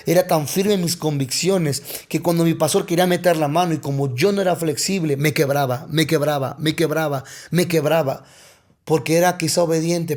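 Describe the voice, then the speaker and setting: Gravelly man telling an emotional story. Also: on the high side, darkish tone. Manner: emotional storytelling with repeated words. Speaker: pastor. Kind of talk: personal testimony on a podcast.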